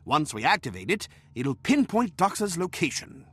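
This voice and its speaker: For a video game cutscene, a man fully voices a pompous, exacting asura inventor, a small gnomish figure heading a research krewe, speaking in a precise, formal, officious, businesslike way. His slightly high, a bit bright, slightly rough voice is very animated at normal speed, with no echo.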